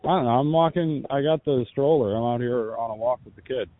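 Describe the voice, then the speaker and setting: A man talking on a phone call that sounds muffled and rumbly, as if from inside a box, chatting in a relaxed, rambling way while out walking. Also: fairly quick, a little hiss or hum. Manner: relaxed and rambling, with many fillers. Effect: muffled rumbling phone line, like talking from inside a box. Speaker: podcast co-host. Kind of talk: casual chat over a phone call. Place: outdoors on a walk, pushing a stroller.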